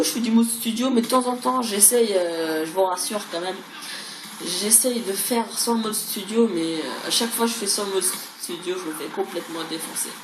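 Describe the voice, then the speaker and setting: A woman talks casually over gameplay in a roomy, echoing space. She rambles, repeating and stumbling over words. There is clear noise behind her mid-pitched voice. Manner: mild crude swearing. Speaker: gaming video creator. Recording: roomy echo, clearly noisy background.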